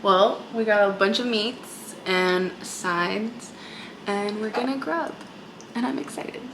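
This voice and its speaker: A young woman chatting casually at home beside her sister, relaxed and sometimes searching for the right word. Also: mid-range voice, slow. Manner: relaxed, a little unsure, searching for words. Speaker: host's sister, co-host. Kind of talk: casual chat. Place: home kitchen. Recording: echoey room with background hiss.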